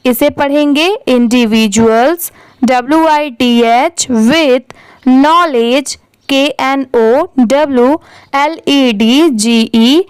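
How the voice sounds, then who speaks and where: A woman's voice: high voice, clean tone, no room sound. A woman teaching an English reading lesson, spelling each word letter by letter and then saying it. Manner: spells words letter by letter, then says them slowly.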